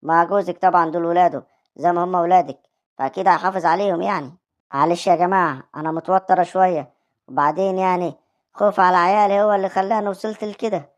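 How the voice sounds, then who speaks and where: A woman's voice: on the low side, fairly even intonation. A woman with an Egyptian accent voicing an anxious, pleading mother. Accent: Egyptian Arabic. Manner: rapid, pleading.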